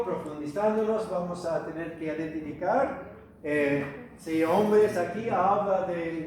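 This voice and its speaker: Slow, high-voiced preacher in an echoey hall. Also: male voice, a little mellow, a little hiss or hum. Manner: teacherly, asks the audience questions, many hesitations. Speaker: missionary preacher. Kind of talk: church Bible teaching. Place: church hall. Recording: echoey hall, recorded from far off.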